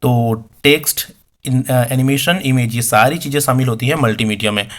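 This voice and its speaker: A man teaching an exam-prep lesson, reading English questions slowly and then explaining the answers conversationally, often tossing rhetorical questions to the viewers. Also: medium pitch.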